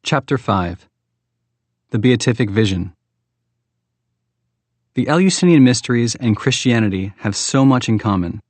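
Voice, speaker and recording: A man reading a nonfiction book aloud in a steady, measured narration. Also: medium pitch, dry recording. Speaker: audiobook reader.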